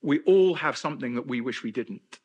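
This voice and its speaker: A man's voice: mid-range voice, animated, brisk, a little mellow, slightly rough, lo-fi sound. A middle-aged man from England giving a candid personal testimony at a men's conference, with self-deprecating humor. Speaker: conference speaker.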